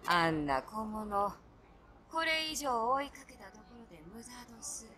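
A woman's voice: fairly high pitch, big pitch swings, measured pace, bright, forceful tone, full character voice. A woman voicing a polite but menacing young female hacker in a video game, with a Kyoto Japanese accent and old-fashioned courtly phrasing. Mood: composed, businesslike. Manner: genteel Kyoto dialect with archaic courtesan-style phrasing.

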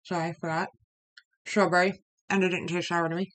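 A woman in her thirties chats casually to camera while eating sour candy, talking in short, halting bits with mumbled asides. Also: lowish voice, level tone, fairly bright tone, no room sound. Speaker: vlogger reviewing candy. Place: small room indoors. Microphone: webcam or laptop mic at arm's length. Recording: noisy webcam audio with clicks.

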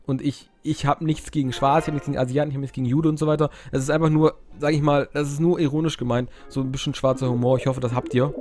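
A man's voice: medium pitch, level tone, quick pace, few pauses, darkish tone. A young man giving casual, rambling gameplay commentary, cracking crude jokes and interrupting himself. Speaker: Let's Play host.

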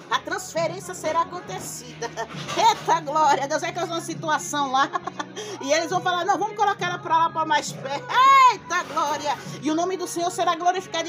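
Very high-voiced woman praying fervently. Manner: fervent, breaks into speaking in tongues; addresses listeners by name. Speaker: missionary. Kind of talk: prophetic prayer. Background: worship music.

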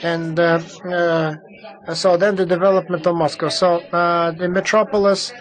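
A man giving simultaneous interpretation at a panel discussion, halting, with many fillers and restarts. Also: high voice, flat delivery, rough recording. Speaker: conference interpreter.

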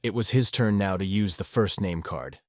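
His voice low and even, a male audiobook narrator reads fan fiction at a moderate pace, steady and measured throughout. The audio is dry, without any room ambience.

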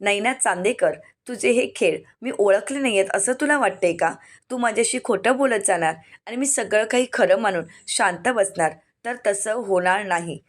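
A woman's voice: mid-range voice, moderate pace, natural voice. A woman reading the part of a bitter young man who accuses and threatens his lover, in a hard, accusing tone.

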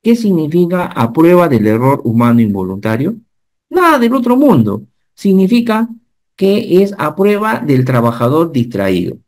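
A man, giving an animated online safety lecture and often checking whether the class follows. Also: on the high side, moderate pace. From Peru. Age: 50s. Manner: animated teacher, asks the class checking questions. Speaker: occupational safety instructor.

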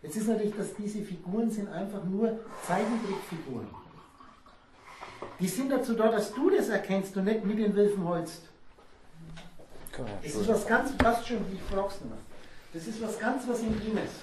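A man's voice: high voice, animated, normal speed, long pauses, noisy background. A man giving a spontaneous, rambling lecture to a small audience, emphatic and digressive. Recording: echoey room.

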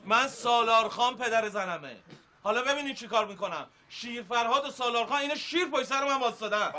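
A man's voice: very high-pitched, sharp tone, slight background noise. A harried polite city man. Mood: indignant. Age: 30s. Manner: polite then exasperated, pleading. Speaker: city outsider seeking a loan. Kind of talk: sitcom acting.

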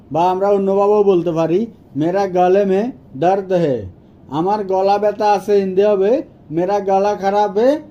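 A man teaching a language lesson, his voice high but deeply mellow. He takes his time and repeats every phrase carefully, and the recording sounds a little dull and lo-fi. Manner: repeats each phrase slowly and clearly. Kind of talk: Hindi lesson for Bengali speakers.

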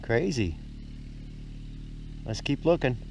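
An older man casually narrating his metal detecting outdoors on a lakeside beach, easygoing and excited at each find, recorded on a body-worn camera. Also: mid-range voice, slow pace, creaky, a little hiss or hum. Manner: easygoing, excited exclamations at finds. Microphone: action camera worn on the body.

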